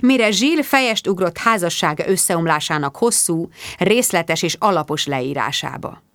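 A woman narrating a first-person audiobook in an expressive, wry storytelling manner. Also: lowish voice, dry recording, studio quality.

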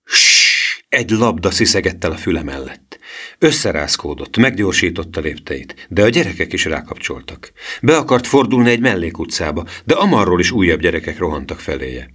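A man narrating a children's story aloud with a very deep voice. His intonation swings widely as he reads, keeping the storytelling expressive and animated. The delivery is a steady, scripted storybook narration. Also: breathy edge. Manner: expressive reading with lively voice swings. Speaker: audiobook narrator.

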